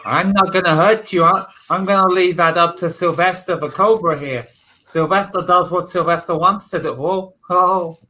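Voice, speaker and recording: A man playing a tall New York mob boss with a pet snake in an improvised comedy scene, speaking smoothly and teasingly. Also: high-pitched, fairly even intonation, moderate pace, sharp tone. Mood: silkily menacing. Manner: smooth, mock-friendly and teasing.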